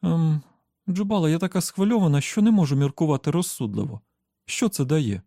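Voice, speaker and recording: An anxious young woman, flustered and a little strained, as a man reading a storybook puts her on. The voice sits slightly higher than his usual register and keeps a gravelly edge. Its tone is mellow and dry. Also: expressive, brisk, dry recording. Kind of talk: audiobook character voice.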